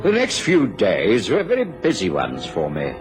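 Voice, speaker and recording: An actor playing a courteous, earnest doctor who serves as narrator in a radio drama. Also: male voice, lowish voice, wildly swooping pitch, normal speed, faint music behind. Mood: measured storytelling.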